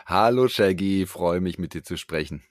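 A man, a performer answering interview questions over a remote call, relaxed and hesitant with many fillers. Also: low-pitched, normal speed, no room sound, clean studio sound. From Frankfurt, Germany. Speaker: guest, a cappella performer. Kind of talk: casual interview.

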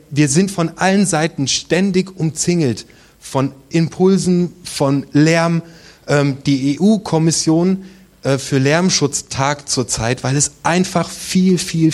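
A male preacher giving a sermon. He retells the story in relaxed everyday language. He slips in personal asides and talks to the listener directly. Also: a little high, slow pace. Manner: casual, colloquial storytelling.

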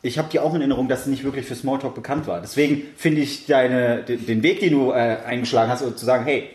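A man's voice: mid-range voice, steady tone, fast, a little mellow. A young man in casual chat who tells a funny story with energy, acting out the dialogue and laughing often. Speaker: podcast co-host. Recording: roomy echo.

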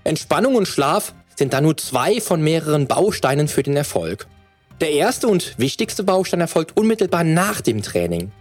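A man's voice: fairly high pitch, very animated, moderate pace, faint music behind. A man hosting a fitness podcast, reading a sponsor spot and then asking long, searching questions. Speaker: podcast host.

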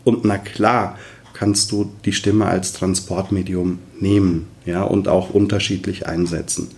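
A man's voice: deep voice, level tone, unhurried, darkish tone. A man working as a voice coach, explaining his work enthusiastically in a conversational interview.

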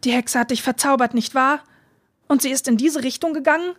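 A woman voicing a brave little girl in a storybook reading, bright and determined. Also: sits high, fairly quick, dry recording, clean studio sound, pitched above the performer's own voice. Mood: eager.

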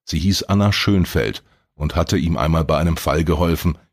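A man narrating an audiobook crime story in a steady, measured way. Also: very deep voice. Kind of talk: scripted narration.

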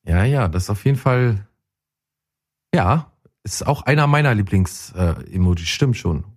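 A man's voice: lowish voice, expressive, unhurried, a little mellow, husky. A man co-hosting a podcast in casual comedic chat, teasing his partner and laughing often. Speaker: podcast co-host.

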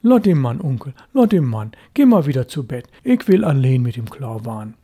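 A man voicing a distraught fisherman's mother who has a Low German accent and an anxious, pleading way of speaking. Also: very animated, normal speed, mellow, breathy edge.

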